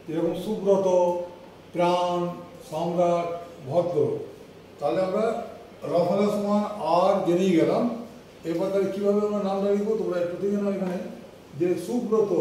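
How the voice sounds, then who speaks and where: An English teacher with a high, mellow voice works through a lesson at the board, unhurried and patient, often pausing to make sure the class keeps up. The recording is very echoey, placing him at a distance, with a light hiss in the background.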